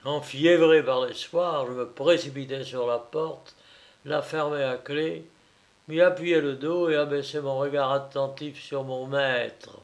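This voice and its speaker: A man narrating a story in a measured, theatrical audiobook reading. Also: mid-range voice, fairly even intonation.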